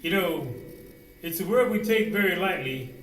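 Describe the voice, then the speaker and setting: A man preaching a sermon, asking rhetorical questions and dropping suddenly to a quiet voice. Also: sits high, animated, moderate pace, far from the mic, a little hiss or hum. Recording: roomy echo, voice away from the mic, faint ambience.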